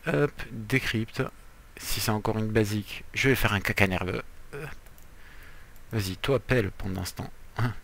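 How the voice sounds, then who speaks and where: A man's voice: on the low side, normal speed, pauses often, fairly bright tone. A man giving casual, playful gameplay commentary as a let's player, chatty, with jokey asides while he explains what he is doing.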